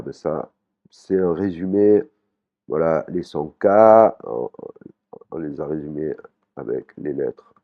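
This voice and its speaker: A man teaching a language lesson in a relaxed way, with frequent fillers, restarts and repeated words. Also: low-pitched, phone-quality sound. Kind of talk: casual spoken lesson.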